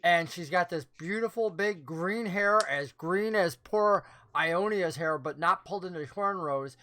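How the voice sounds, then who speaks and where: A woman's voice: on the low side, measured pace, a bit bright. A woman acting as game master, narrating a tabletop fantasy game in an improvised, conversational way.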